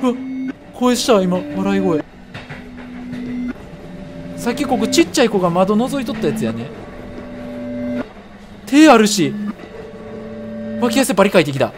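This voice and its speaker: A man with a Kansai accent, commentating a horror game, excitable and jumpy with loud reactions. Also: very high-pitched, noisy background. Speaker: gaming streamer. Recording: game music playing behind.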